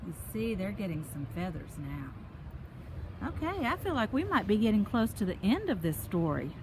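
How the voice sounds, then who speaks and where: Strolling along a park path outdoors, a woman reads a picture book aloud to children and adds chatty explanations and questions for them. Her medium-pitched voice is sing-song and slightly mellow at a moderate pace, and the recording carries noisy outdoor ambience from her walking.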